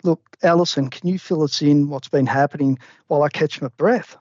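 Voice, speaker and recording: A man, a chief economist, talking about the week's banking turmoil in an animated, chatty way. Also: a little high, brisk, dry recording. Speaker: chief economist, regular guest. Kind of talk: casual chat. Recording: dry, slightly dull lo-fi audio.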